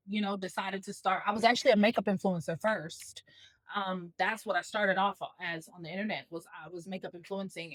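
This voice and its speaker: A woman's voice: medium pitch, a bit bright, no echo. A young adult woman, a comedian guest in a casual interview, upbeat but nervous and loose, with a rambling way of talking.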